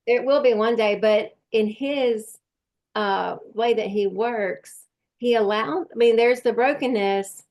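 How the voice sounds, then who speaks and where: Host, woman: gravelly edge, thoughtful, searches for her words, faith talk. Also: on the high side, slow pace, a little mellow. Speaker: podcast host. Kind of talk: faith-based conversation.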